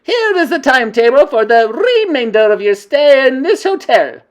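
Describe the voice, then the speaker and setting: A woman voicing a tyrannical female witch leader who barks orders in a shrill, screeching voice. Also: big pitch swings, normal speed. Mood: commanding. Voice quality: screeching, commanding.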